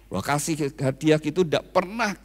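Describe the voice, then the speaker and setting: A man's voice: a little high, moderate pace. A man preaching a wedding sermon, telling a personal story and often addressing the congregation directly. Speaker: pastor. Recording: reverberant church hall.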